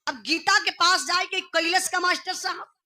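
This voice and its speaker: A woman's voice: extremely high pitch, normal speed, sharp tone. A woman with a Bhojpuri accent, singing and telling a folk ballad story in a dramatic, tearful way. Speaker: birha folk singer and storyteller. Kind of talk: sung and spoken folk ballad narration.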